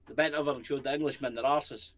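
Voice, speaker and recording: A man's voice: mid-range voice, fairly even intonation, fast, a bit bright. A Scottish man co-hosting a paranormal channel, chatting casually in a rambling, jokey way and swearing freely. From Scotland. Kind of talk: casual chat.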